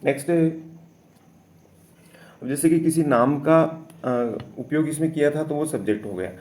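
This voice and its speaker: Slow, mellow-voiced male teacher. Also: on the high side. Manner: slow, patient step-by-step explaining with fillers. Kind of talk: explaining an English test paper in Hindi.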